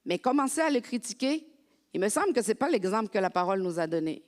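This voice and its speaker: A woman from France preaching a lively, conversational sermon as a pastor in a church. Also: medium pitch, quick pace. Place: church sanctuary. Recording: long hall reverb.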